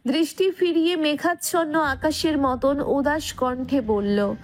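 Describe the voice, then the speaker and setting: A woman narrator reading a scripted romantic story in expressive literary prose. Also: sits high, a little slow.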